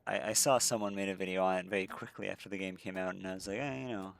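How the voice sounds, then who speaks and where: This gamer's voice is deep, creaky and flat, and he speaks very fast while commenting on his own play. It's rambling let's-play talk, full of fillers, restarts and corrections.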